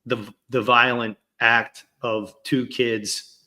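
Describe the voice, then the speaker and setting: A man's voice: medium pitch, little pitch movement, slow pace, sharp tone. A man who is a school leader and podcast co-host, speaking in a thoughtful, casual way. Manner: thoughtful, many fillers and restarts. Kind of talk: casual reflective chat.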